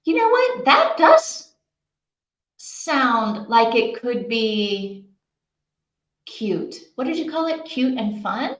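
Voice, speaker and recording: Hosting a live reading-sprint stream, a woman talks casually and expressively to her viewers, thinking aloud as she goes. Her voice is high and very animated yet extremely slow, with long pauses, and the sound is roomy and echoey.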